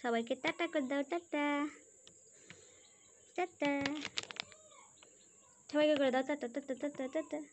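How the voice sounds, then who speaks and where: High, coaxing woman talking baby talk to her pet. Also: a little slow, long pauses, darkish tone, slight background noise. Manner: coaxing, sing-song baby talk with repeated words. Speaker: pet owner filming her pet.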